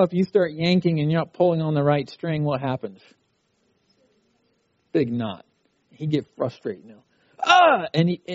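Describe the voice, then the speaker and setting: A man's voice: high voice, warm tone, dry recording, muffled recording. A middle-aged man preaching a sermon at a youth conference, talking in a conversational way and acting out a frustrated child's cries. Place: conference hall.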